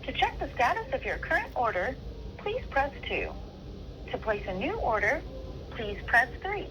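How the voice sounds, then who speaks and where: A woman's recorded phone message played over a phone line, a polite scripted menu announcement read at an even pace. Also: fairly high pitch, moderate pace. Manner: polite, evenly paced announcer delivery. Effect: recorded phone message heard over a phone line. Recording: noisy phone line with background hiss.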